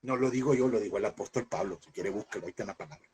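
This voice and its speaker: A man teaching a Bible seminary class in a lively preaching style, asking rhetorical questions and acting out scenes in sudden high shouts. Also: racing, slight background noise. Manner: animated, mimics voices with sudden high shouts; addresses listeners as brother, rhetorical questions.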